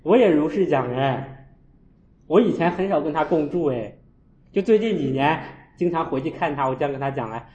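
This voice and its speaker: Animated monk giving a dharma talk. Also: male voice, a little high, normal speed. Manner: storytelling, mimics scolding with sharp rises. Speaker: Buddhist monk. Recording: echoey, dull lo-fi room.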